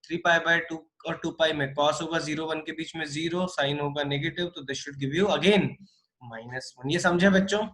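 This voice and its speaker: A man's voice: fairly high pitch, normal speed. A man teaching a math class online, coaxing and joking with his students as he works through problems. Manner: animated, coaxing students, calls them kids. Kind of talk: live online class lecture.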